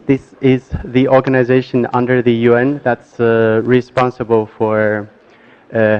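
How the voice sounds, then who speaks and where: A man giving a careful, deliberate presentation at a workshop, speaking slowly for interpreters, with frequent pauses and fillers. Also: mid-range voice, a little mellow, highs cut off. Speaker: conference presenter. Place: workshop conference hall.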